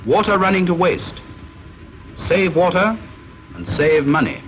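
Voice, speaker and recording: Heard on a vintage soundtrack with a faint hiss, a British man reads formal, scripted training-film narration that is measured, instructive and stern. His voice is high-pitched, expressive and a little bright, and the audio quality is poor.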